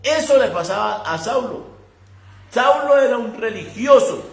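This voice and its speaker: A man preaches with a high-pitched voice in a conversational, emphatic manner, speaking directly to his listener. His voice bounces around an echoey room. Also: animated, a little slow, creaky. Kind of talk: sermon.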